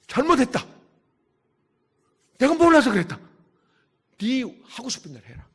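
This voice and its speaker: A man voicing a defeated pharaoh king who shouts and pleads in surrender. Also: very high-pitched, big pitch swings, normal speed, breathy edge, voice pushed up, heavily acted. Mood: pleading surrender.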